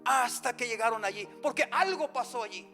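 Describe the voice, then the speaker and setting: A man's voice: extremely high pitch, fairly quick, bright, forceful tone. A man, a pastor, preaching a Bible study in earnest, often calling out to the congregation as brothers. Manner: earnest preaching, often adds "hermanos" and "¿verdad?". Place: church. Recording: church hall reverb with faint music.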